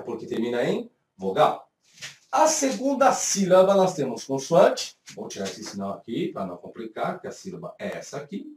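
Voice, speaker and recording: Brazilian guy teaching a class, voice bounces a lot, bit higher pitched, echoey room w mic far off. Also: a little mellow. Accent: Brazilian Portuguese. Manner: explains step by step, voicing students' questions himself. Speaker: Hebrew teacher. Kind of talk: classroom grammar lesson.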